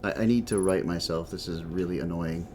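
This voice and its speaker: Guy doing a lets play, deep voice, s sounds whistle, kinda thinking out loud, some background noise. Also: brisk. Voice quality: whistling s from a chipped tooth. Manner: thinking aloud. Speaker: gaming host. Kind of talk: casual let's play commentary, partly reading game text aloud.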